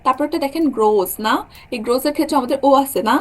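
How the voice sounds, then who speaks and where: A woman's voice: sits high, fast talker. A young woman teaching a German class, explaining rules step by step and often checking that her students follow. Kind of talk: online class lecture.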